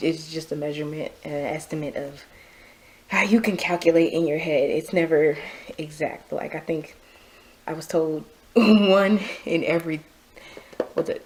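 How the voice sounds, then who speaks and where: A young woman with a low voice chats through a pregnancy update, slightly winded as she talks. She rambles, circles back to repeat points and laughs easily. A faint hiss sits under the recording. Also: darkish tone. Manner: chatty, repeats herself, laughs often. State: slightly out of breath. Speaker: vlogger. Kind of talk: casual pregnancy update vlog.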